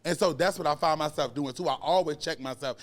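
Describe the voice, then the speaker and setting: A man in his twenties from the United States chats casually as a podcast guest in a fairly high voice at a quick pace. He's earnest and emphatic, telling stories in an animated way.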